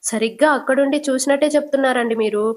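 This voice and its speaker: An outspoken young daughter-in-law presses her point with insistent earnestness, voiced by a woman narrator. Her voice is a touch high. She sounds like a soap heroine retold at home. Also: fast, a little mellow, natural voice.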